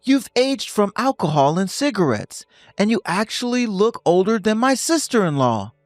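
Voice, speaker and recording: A man in his fifties voicing a stern husband who speaks calmly and coldly, lecturing his wife. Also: sits high, moderate pace, dry recording, studio quality. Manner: calm, cold and lecturing. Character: stern husband ending a toxic marriage.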